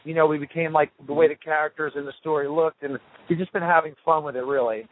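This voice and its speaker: A man in a band, talking casually over the phone from a tour RV, relaxed and rambling with lots of fillers. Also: on the high side, fast, a little hiss or hum. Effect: heard over a phone line. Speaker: touring rock band member interviewed as guest. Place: tour RV on the road. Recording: tinny phone line.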